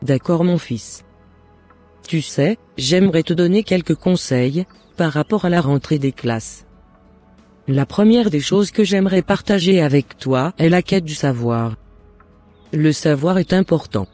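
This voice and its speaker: In scripted cartoon dialogue, a man voices a loving, devout mother giving her son earnest, encouraging advice in formal language, in a gently advising mood. His voice is on the high side and a little slow, with a darkish tone, and faint music plays behind him.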